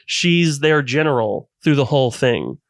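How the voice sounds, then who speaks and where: A man co-hosting a casual anime podcast, retelling scenes with animated enthusiasm. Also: medium pitch, measured pace, no room sound. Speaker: podcast co-host.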